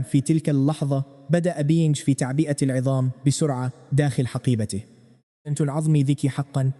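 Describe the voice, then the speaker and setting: Male recap narrator, dramatic first-person storytelling, fairly high voice, long reverb tail. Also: dark tone.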